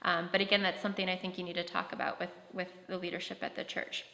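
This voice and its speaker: A woman's voice: lowish voice, level tone, fast, vocal fry, sharp tone. A woman presenting a practical workshop talk at a conference, explaining with concrete classroom examples. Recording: echoey hall.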